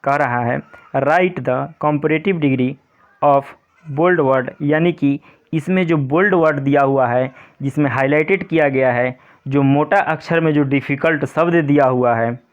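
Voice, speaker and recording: A male teacher explaining an English grammar lesson to pupils, patient and repetitive. He reads the English example sentences slowly, word by word. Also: medium pitch, narrow, tinny audio. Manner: repetitive, patient, keeps saying "pay attention".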